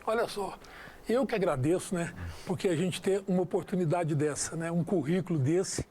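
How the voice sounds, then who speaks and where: A man's voice: sits high, normal speed, darkish tone, a little hiss or hum. A Brazilian man hosting a radio interview, chatty and enthusiastic, often restarting his phrases. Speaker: radio show host.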